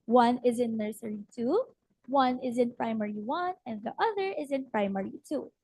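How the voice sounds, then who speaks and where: Young woman narrating a little story at a ceremony, husky strained voice, lots of ums. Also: a little high, moderate pace, darkish tone, rough recording. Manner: hesitant with frequent fillers. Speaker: student practice teacher presenting. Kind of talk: storybook-style presentation narration. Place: ceremony hall.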